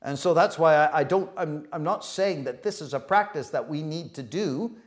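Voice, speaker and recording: Earnest man preaching with halting restarts. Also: on the high side. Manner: swings between soft reflective and loud emphatic. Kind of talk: sermon.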